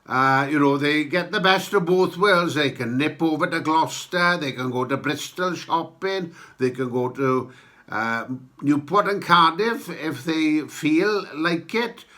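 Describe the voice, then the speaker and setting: Forceful, slow-talking Welsh man. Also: fairly high pitch. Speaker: podcast host. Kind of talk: comic political monologue.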